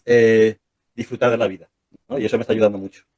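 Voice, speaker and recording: A man speaks quickly in a casual interview, his voice dark and mellow. He keeps doubling back with restarts and firing off rhetorical questions, animated the whole way. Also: on the low side, muffled recording. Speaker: interview guest, former church member.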